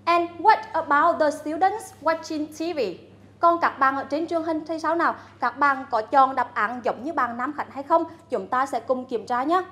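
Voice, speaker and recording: A woman teacher with a Vietnamese accent leading a bilingual classroom lesson, speaking deliberately and coaxing her students to answer. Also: sits high, fairly bright tone. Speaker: English teacher.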